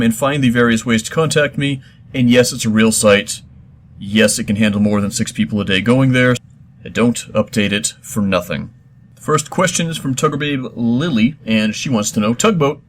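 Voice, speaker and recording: A middle-aged man hosting a comedy show, answering listener questions in a deadpan, mock-serious, rambling way. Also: on the low side. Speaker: host.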